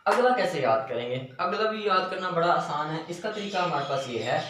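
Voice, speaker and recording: A man teaching a lesson. He repeats memory phrases slowly and drills them. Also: on the high side, animated, fairly bright tone. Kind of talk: classroom lesson with memory tricks. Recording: very echoey room, voice from a distance, faint noise.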